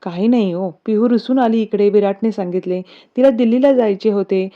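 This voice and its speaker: A woman voicing a calm, caring middle-aged mother who talks in a soothing, motherly way, on a dull lo-fi recording. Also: mid-range voice, fairly quick, natural voice.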